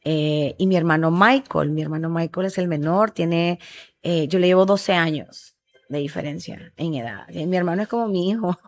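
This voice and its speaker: Her voice lowish and her pace moderate, a middle-aged restaurant founder from Honduras shares stories eagerly and animatedly as an interview guest.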